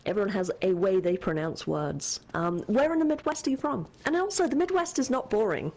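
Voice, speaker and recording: This streamer co-host, a young woman, is animated and brisk, with a mid-range, darkish voice. She chats casually during the let's-play, reading viewer messages aloud amid plenty of laughter and fillers.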